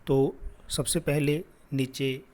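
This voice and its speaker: Man, teacher, patient and slow-spoken, middle pitch, classroom lesson. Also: steady tone, darkish tone. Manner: patient, repeats sounds slowly for children.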